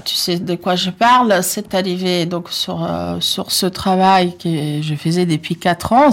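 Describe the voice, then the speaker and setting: In a personal, conversational interview, a middle-aged woman from Italy speaks with an Italian accent, her lowish voice showing vocal fry. She's a talkative, reflective guest who hesitates often and laughs softly.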